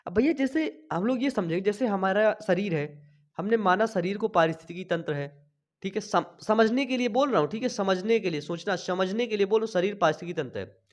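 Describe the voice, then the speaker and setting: This online biology class comes from a young man in a small home studio, picked up by a sensitive desk mic. His high voice is animated yet slow since he's recovering from a cough, and he keeps the lecture chatty, checking in constantly with "thik hai."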